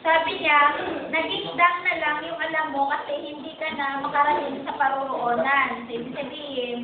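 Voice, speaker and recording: Woman Bible study teacher, high voice, keeps saying "he said", on a tinny, hissy chapel recording. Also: steady tone, normal speed, a crowd in the background. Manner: keeps repeating "sabi niya" while retelling a preacher's points. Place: chapel hall. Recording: tinny, echoey, distant lo-fi hall recording.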